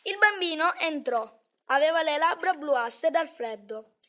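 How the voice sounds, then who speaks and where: A woman reads a Christmas storybook aloud. Her voice is high and light, and she narrates calmly with measured phrasing. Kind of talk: storybook reading.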